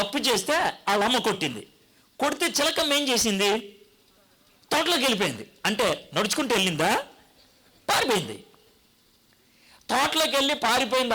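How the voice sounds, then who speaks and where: A man preaching a sermon, telling stories and acting out the people in them. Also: extremely high pitch. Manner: animated storytelling, acts out quoted voices. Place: church gathering.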